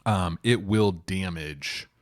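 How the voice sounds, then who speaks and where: A man's voice: deep voice, slow, no room sound, studio quality. A man in his thirties co-hosting a podcast, giving casual advice in a loose, conversational way full of asides. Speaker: podcast co-host, property manager.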